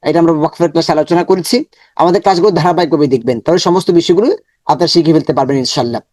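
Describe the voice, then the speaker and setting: A man teaching Quran reading step by step, slowly breaking words into syllables, repeating each many times, and chanting the full words in drawn-out recitation. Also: on the high side, a little mellow, no room sound, studio quality.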